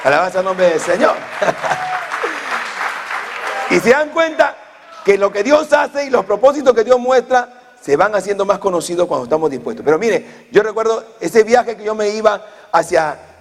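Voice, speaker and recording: A man in his forties preaching a fervent sermon as pastor, punctuating his points with amen and hallelujah. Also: high-pitched. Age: 40s. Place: church hall. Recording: long reverb of a church hall.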